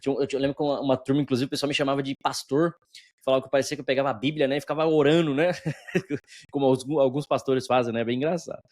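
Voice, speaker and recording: Fast, energetic man, slightly hoarse. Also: medium pitch. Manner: fast, energetic, anxious delivery; blunt, swears, frequent filler tags. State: slightly hoarse, clearing throat. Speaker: instructor, channel host. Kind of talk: casual solo vlog monologue.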